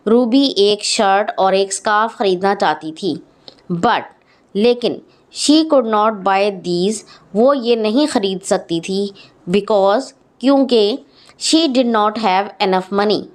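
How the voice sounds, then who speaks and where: Slow, deliberate woman teacher. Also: mid-range voice. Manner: reads English lines slowly and deliberately, then translates briskly. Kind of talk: textbook lesson, reading English and translating into Urdu.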